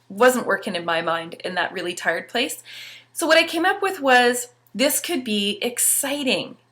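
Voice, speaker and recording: A middle-aged woman giving an upbeat personal motivational talk to camera. She speaks emphatically, swinging between bright bursts and soft asides. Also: mid-range voice.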